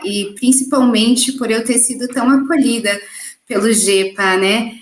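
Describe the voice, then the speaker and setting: A woman with a southern Brazilian accent from Curitiba introduces herself on a live panel. Her pitch is average, and the room around her is clearly echoey. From Curitiba, Paraná, Brazil.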